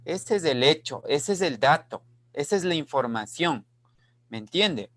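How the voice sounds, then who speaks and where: Slow, deliberate male teacher. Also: a little high, animated, fairly bright tone. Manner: slow, deliberate, repeats key phrases and checks understanding. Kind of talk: online class lecture. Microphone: video call.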